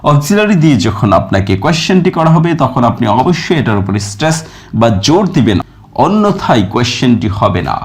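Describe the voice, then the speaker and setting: A man teaching a recorded grammar lesson, reading example sentences slowly and with stress, then explaining each one. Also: medium pitch, sing-song. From Bangladesh. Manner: reads English examples slowly and with stress, then glosses them. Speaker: English teacher.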